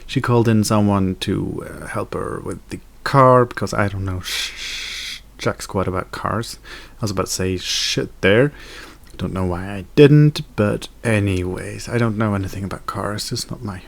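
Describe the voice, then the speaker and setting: A man's voice: on the low side, moderate pace, gravelly. A young man chatting casually in a daily vlog, rambling with fillers and self-corrections. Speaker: video blogger.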